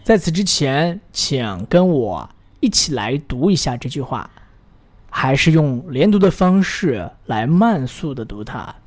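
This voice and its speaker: A very animated man of medium pitch teaches English pronunciation through drills. Encouraging and generous with praise, he models phrases at a slow pace and pauses for the learner to say them back.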